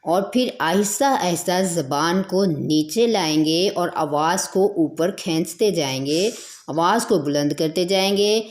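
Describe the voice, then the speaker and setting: A woman teaching Quran recitation, explaining pronunciation slowly and repeating each point, and drawing out letter sounds as models. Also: on the low side, a little mellow.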